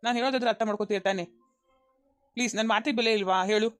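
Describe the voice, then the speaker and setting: A woman's voice: on the high side, very fast, no echo, studio quality, lightly acted. A woman voicing a young husband caught between his wife and his mother, insistent and coaxing, repeating himself.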